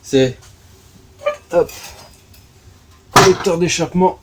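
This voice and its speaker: A man's voice: sits high, slow pace, very noisy. A man casually showing off his car in a garage, hesitant and full of fillers as he points out parts. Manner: chatty, hesitant with many fillers, pointing things out.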